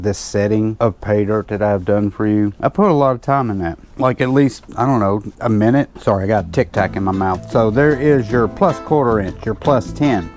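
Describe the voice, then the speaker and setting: A man's voice: on the low side, a little mellow. A man hosting a gold panning channel, chatting casually and joking at his own expense as he works through a hands-on demonstration. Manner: chatty, joking self-mockery, talks while working. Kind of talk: casual hands-on demo vlog.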